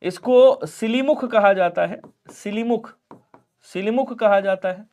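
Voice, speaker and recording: High-voiced man drilling exam vocabulary. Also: unhurried, a little mellow. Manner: repetitive, drills words and keeps saying to remember them; addresses students directly, asks and answers his own questions. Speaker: teacher. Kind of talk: exam-prep grammar lesson.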